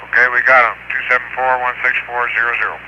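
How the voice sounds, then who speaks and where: An American man, an astronaut, talking in brisk, informal, clipped procedural phrases over a spacecraft radio. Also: mid-range voice, flat delivery, bright, forceful tone. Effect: radio transmission. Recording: muffled lo-fi 1970s spacecraft radio, faint noise, hum. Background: faint static and hum.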